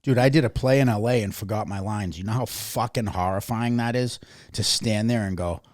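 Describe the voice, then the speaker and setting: A man in his thirties, a podcast guest telling his story in a candid, blunt way, swearing freely and getting animated. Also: lowish voice, fairly quick, dry recording, studio quality. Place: podcast studio.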